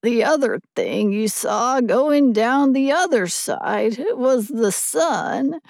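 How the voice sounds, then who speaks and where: A woman voicing an old, hoarse male yard dog in a storybook, talking in a slow, knowing, lecturing way. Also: fairly high pitch, animated, darkish tone, dry recording, pitched above the performer's own voice, full character voice.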